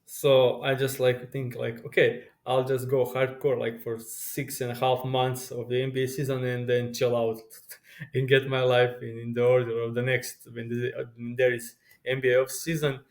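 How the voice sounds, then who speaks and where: A man's voice: medium pitch, level tone, normal speed. Interview guest: young man with a Croatian accent, Croatian native, eager and rambling, keeps restarting sentences. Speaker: guest, pro sports bettor. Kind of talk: casual interview chat.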